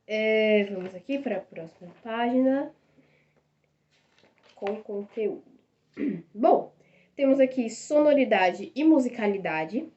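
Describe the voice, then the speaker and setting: A young Brazilian woman teaching a casual language lesson with a mellow, warm tone. She explains things step by step and often checks in with tag questions. The recording sounds dull and lo-fi. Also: fairly high pitch. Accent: Brazilian Portuguese. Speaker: Portuguese language tutor.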